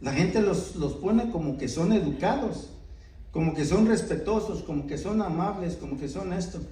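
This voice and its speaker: A man's voice: sits high, animated, moderate pace, dark tone, recorded from a distance. A middle-aged man preaching a sermon in earnest, often asking his listeners "¿verdad?". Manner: earnest, many rhetorical "¿verdad?" asides. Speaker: pastor. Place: church. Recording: echoey church hall, voice from off-mic.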